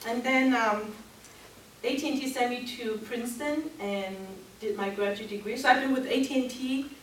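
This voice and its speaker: Speaking with a Cantonese accent, a workshop presenter from Hong Kong, a woman in her fifties, engages her seminar audience by asking them questions during a live talk. She has a highish, slightly bright voice. Slight background noise comes through, and the distant mic picks up the room's echo.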